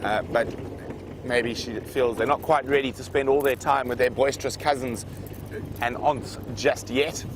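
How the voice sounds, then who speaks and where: In a steady, unhurried mid-range voice, a guide leads a live safari game drive from an open vehicle across the savanna. He talks viewers through the wildlife in a relaxed, unscripted manner, with noisy vehicle ambience in the background.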